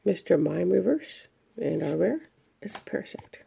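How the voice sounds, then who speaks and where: A woman talks slowly through a trading card pack opening, naming each card in turn. Her voice is low and gravelly, with a warm, dark tone. A faint hiss sits under the recording. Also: sing-song. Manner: unhurried, listing cards one by one. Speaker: card collector opening packs. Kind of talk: casual pack-opening commentary.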